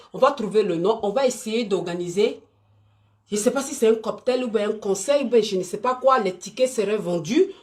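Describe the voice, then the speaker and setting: A woman talks live to her viewers, emphatic and repetitive. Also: mid-range voice. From Côte d'Ivoire. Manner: animated, emphatic and repetitive, talking straight to viewers. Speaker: live stream host. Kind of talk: unscripted live stream talk.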